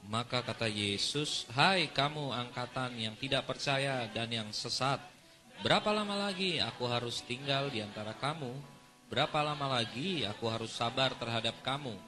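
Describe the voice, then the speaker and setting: Slow unison Bible reading by a mostly male congregation in a church, music clear behind. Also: medium pitch. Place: church hall.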